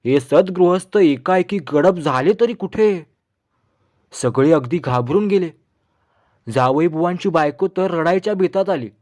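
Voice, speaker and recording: A man reading a humorous story aloud as narrator, in a lively, expressive way. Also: a little high, measured pace, no echo.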